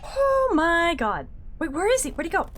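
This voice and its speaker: A woman streamer playing a horror game live, excitable and yelping at every scare. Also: extremely high pitch, moderate pace, background noise. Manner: excitable, yelps and squeals at scares. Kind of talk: live gameplay commentary.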